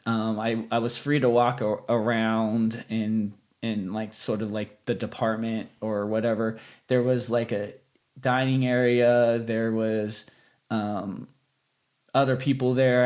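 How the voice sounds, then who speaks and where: A man speaking candidly and reflectively as a guest in a casual conversational interview. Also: fairly low pitch.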